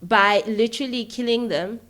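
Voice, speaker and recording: Her fairly high, slightly bright voice moves at a moderate pace as she gives a casual, opinionated podcast interview. A filmmaker and YouTuber with a South African accent, she's emphatic and keeps checking that the listener follows along.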